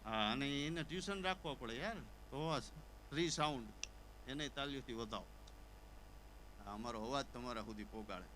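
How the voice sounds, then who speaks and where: This stand-up comedian speaks with a medium pitch at a moderate pace, pausing often, as he performs Gujarati folk comedy storytelling on stage. He animatedly acts out characters who stammer and sob. Audio is poor, with slight background noise.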